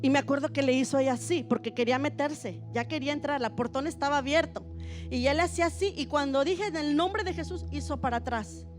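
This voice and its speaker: A middle-aged woman pastor, preaching a sermon in a high voice. She tells her story vividly and then builds into fervent exhortation, with soft music faintly underneath. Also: fast. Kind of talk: sermon with a personal testimony.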